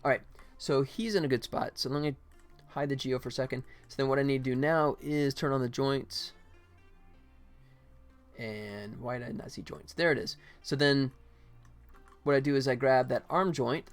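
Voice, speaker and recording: A game developer streams his work, chatting casually as he explains each step in a medium-pitched voice at a moderate pace. He rambles, thinks aloud and half-mutters to himself, pausing often, with music running behind him.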